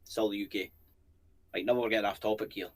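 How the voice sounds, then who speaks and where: A man's voice: lowish voice, fairly even intonation, fairly quick. A Scottish man co-hosting a paranormal channel, chatting casually in a rambling, jokey way and swearing freely. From Scotland. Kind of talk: casual chat.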